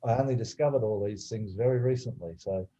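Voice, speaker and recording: A man hosting a webinar, introducing guests in a halting way with many fillers and restarts. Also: lowish voice, mellow. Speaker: webinar host. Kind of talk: webinar presentation. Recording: slightly dull video call audio.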